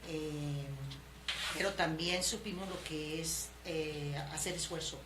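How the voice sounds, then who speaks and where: Over noisy background ambience, a Colombian woman in her fifties with a Cali accent recounts her life as an interview guest. Her voice is deep, with fairly even intonation and a slow pace, and her relaxed storytelling is full of fillers and restarts.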